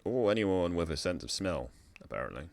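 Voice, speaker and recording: A man voicing a tester who gives a quiet, laid-back review. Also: low-pitched, big pitch swings, brisk, gravelly, faint music behind, pitched below the performer's own voice, full character voice. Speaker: product tester.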